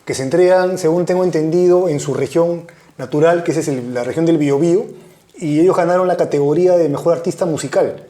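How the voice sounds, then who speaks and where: A man's voice: a little high, steady tone, quick pace, dark tone, reverberant. A man hosting a casual interview, steering the talk with short agreements. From Peru. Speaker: host.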